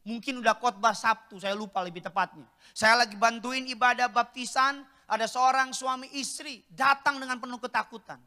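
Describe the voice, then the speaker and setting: A man preaching in a live church service, his voice pitched high and sharp. He speaks, rising to loud exhortation and falling to low joking asides. Long reverb from the church hall trails behind his words. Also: steady tone, moderate pace, hardly any pauses. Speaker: pastor. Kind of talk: sermon.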